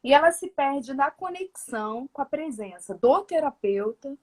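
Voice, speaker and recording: A woman with a high voice that moves up and down in pitch. She speaks as a therapist in a live online discussion over a video call, agreeing with her colleague and building on her points. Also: lively intonation, unhurried, darkish tone. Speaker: Gestalt therapist, guest.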